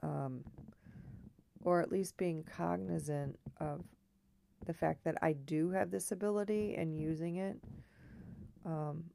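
A woman with a scratchy, hoarse frog voice, talking casually and reflectively in a rambling personal monologue. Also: low-pitched, fairly even intonation, takes it slowly, pauses often, warm tone. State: throat trouble, hoarse.

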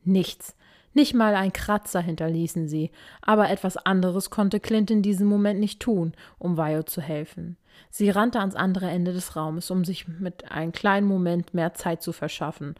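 A woman reads a story aloud with a steady, even delivery. Her voice sits slightly low for a woman. She narrates the action at a calm pace. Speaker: fan fiction reader.

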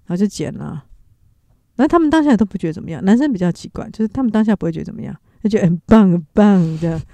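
A podcast co-host tells stories in a playful, mock-innocent way during a casual chat. Her medium-pitched, dark voice is animated and very fast, with vocal fry and no echo.

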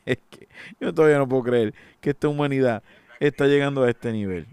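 A man holds forth alone on his podcast, exasperated and insistent. His voice is smooth and resonant, sitting at an ordinary male pitch. The sound is close and dry, with no room around it. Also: fairly quick, darkish tone, no room sound. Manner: indignant, emphatic, exasperated. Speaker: podcast host. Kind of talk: solo opinion monologue.

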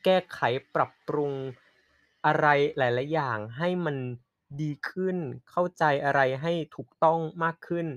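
A man's voice: on the high side, fairly even intonation, no echo, clean studio sound. Polite Central Thai man hosting a podcast. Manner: polite, laughs often, drawn-out wrap-up. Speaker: podcast host. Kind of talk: casual podcast chat.

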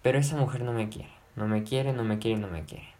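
A man reading aloud, voicing an agitated, lovesick gentleman who pleads and repeats himself. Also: fairly low pitch, fairly quick, close to an everyday voice. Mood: impassioned. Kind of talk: audiobook narration.

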